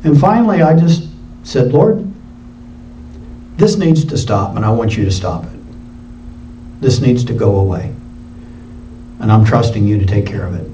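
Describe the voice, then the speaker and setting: A man preaching a sermon in a conversational way, moving between loud emphatic lines and quiet low asides. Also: lively intonation, normal speed, pauses often, slight background noise. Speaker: pastor. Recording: roomy hall sound from a distance, dull lo-fi.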